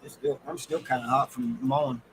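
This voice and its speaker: Hosting a relaxed livestream, this American man speaks in a homespun, colloquial style and greets viewers by name. His pitch is medium and his pace a little fast, and the rough recording carries a bit of hiss or hum.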